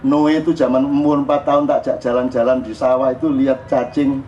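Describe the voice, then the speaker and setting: A man's voice: mid-range voice, a little fast, muffled recording, slight background noise. A man with a Javanese accent giving an informal, joking religious talk to a crowd at a live forum. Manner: joking, animated, mixing in local dialect. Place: live open forum event.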